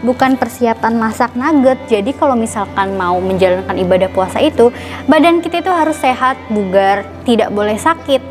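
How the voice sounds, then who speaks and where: A woman's voice: a little high, lively intonation, brisk, soft background music. A woman telling an educational children's puppet story as the teacher, explaining things simply with repeated questions.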